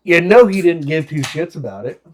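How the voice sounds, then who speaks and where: A man co-hosting a podcast in casual, profane chat, easygoing and quick to agree. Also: on the high side, sing-song, darkish tone. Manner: laid-back, profane, laughs along. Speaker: podcast co-host.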